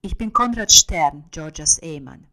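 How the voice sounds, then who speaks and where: Woman reading a calm self-assured husband. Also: on the high side, exaggerated voice. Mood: composed. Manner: calm, measured. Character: composed middle-aged husband, self-assured.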